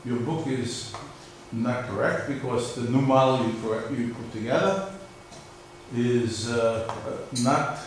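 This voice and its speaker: A middle-aged professor with a New York-area American accent gives a conversational university lecture, quizzing his class and answering his own questions. His mid-range voice moves slowly. The room is very echoey, the mic far away, with faint hiss.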